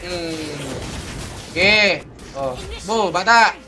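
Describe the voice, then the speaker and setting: A man from the Philippines giving casual, excitable gameplay commentary, teasing teammates and laughing often, his voice jumping high. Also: drawn-out words, background noise. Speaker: mobile game streamer. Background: game music.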